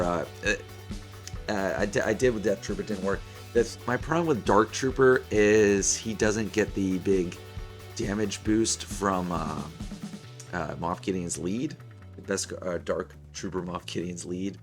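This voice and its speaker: A man in his thirties with a hoarse, failing voice, giving casual game commentary as host of a gaming video. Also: low voice, a bit bright. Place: small room indoors at a desk.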